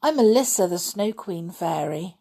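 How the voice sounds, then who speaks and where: A woman reading aloud, voicing a kind, gentle girl fairy who is a snow queen, in a soft storybook manner. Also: on the low side, lively intonation, moderate pace, vocal fry, slightly rough, exaggerated voice. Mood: earnest.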